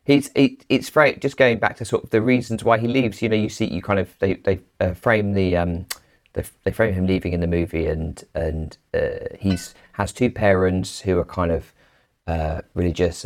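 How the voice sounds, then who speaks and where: A man co-hosting a podcast, rambling and giggly while talking about a film. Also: low-pitched. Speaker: podcast co-host. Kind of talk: casual film review chat.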